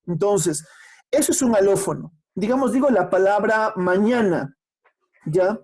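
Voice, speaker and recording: A secondary school teacher gives a remote class. The teacher explains patiently, asks questions and answers them, and slows down to spell out sounds. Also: mid-range voice, a little mellow, husky. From Peru.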